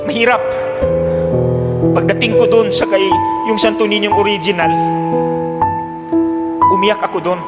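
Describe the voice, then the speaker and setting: High-voiced priest telling an emotional story. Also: male voice, measured pace, pauses often. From Philippines. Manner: emotional, animated retelling with acted quotes. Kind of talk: homily storytelling. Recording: long reverb with loud guitar music.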